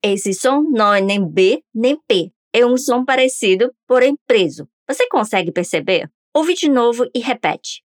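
A woman's voice: fairly high pitch, lively intonation, unhurried, few pauses, no room sound, clean studio sound. A woman teaching a pronunciation lesson on a podcast, upbeat and coaxing listeners to repeat after her. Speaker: language teacher.

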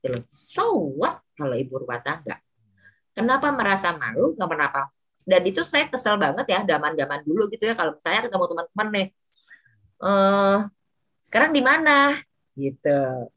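Low-voiced, passionate middle-aged Indonesian woman. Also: sing-song, fairly bright tone. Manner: passionate, quick to get heated; acts out friends' quoted lines in a higher voice. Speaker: guest. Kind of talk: casual interview talk.

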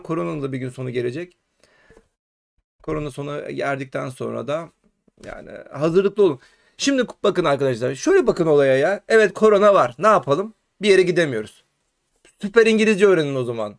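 A man from Turkey hosting a casual live stream. His voice sits a little high, and he talks in an animated way, exclaiming and urging his listeners. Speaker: host.

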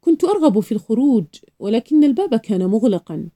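A woman's voice: fairly high pitch, sing-song, fast talker, dark tone. A woman voicing a polite young man trapped in a locked room, read from a storybook.

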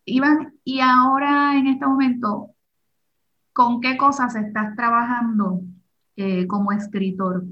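A woman interviewer asking quick questions with a few hesitant fillers. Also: on the high side, fairly even intonation, dull audio. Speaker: interviewer, host.

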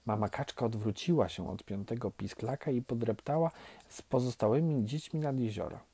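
Gentle man reading a fairy tale. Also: medium pitch, breathy edge. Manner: gentle expressive storytelling. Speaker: storyteller.

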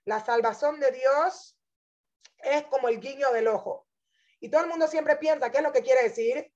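A woman's voice: high voice, normal speed, a little mellow, dull audio. A woman religious teacher telling her personal testimony in an inspirational talk, earnest and emphatic, speaking straight to her listeners.

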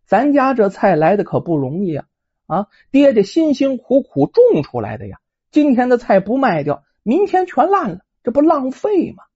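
A dutiful young village girl, as a storyteller puts her on, soft, pleading and earnest. Her voice is husky and mellow, and her pitch rises and falls in lively swings. The recording sounds dull and lo-fi. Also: moderate pace, full character voice. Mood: persuasive.

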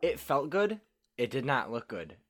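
A young man co-hosting a casual podcast chat in a flat, deadpan way. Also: medium pitch, a little slow. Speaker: podcast co-host.

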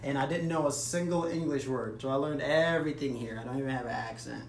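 Brief: relaxed soccer player in his 30s, from Africa, chatty, off-mic in an echoey room. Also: mid-range voice, quick pace, creaky. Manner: easygoing, many "you know" fillers. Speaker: soccer player being interviewed. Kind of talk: casual interview. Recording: roomy, distant mic with faint noise.

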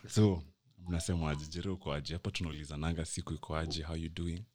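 A man's voice: very deep voice, little pitch movement, fast talker, a little mellow. A young man with a Kenyan accent hosting a casual podcast, talking in slangy mixed Swahili and English. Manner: slangy, code-switching between Swahili and English. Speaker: podcast co-host.

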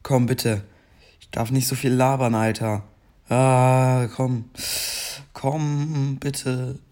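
With a dark, scratchy morning voice pitched in the middle range, a young gaming creator rambles casually over his gameplay. His intonation stays fairly even until he bursts out in frustration between stretches of slow chatter.

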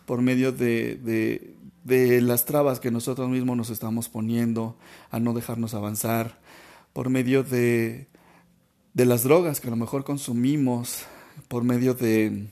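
A man hosting a podcast, telling a personal story in a halting, emotional way with many restarts and repetitions. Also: medium pitch, level tone, dark tone. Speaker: podcast host.

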